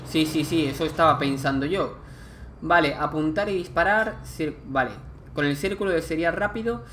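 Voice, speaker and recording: A man commentates his gameplay in a chatty, thinking-aloud way, reading the on-screen text aloud. His voice sits fairly high for a man. A steady noise runs clearly under the recording. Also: moderate pace. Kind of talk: let's play commentary.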